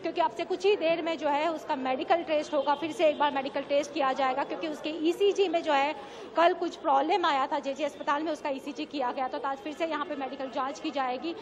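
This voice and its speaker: A woman field reporter delivers a live news update outdoors, talking steadily and leaning on frequent fillers. Her voice is high, and a clear crowd murmurs behind her. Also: fairly even intonation, brisk. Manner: fluent, filler-heavy reporting.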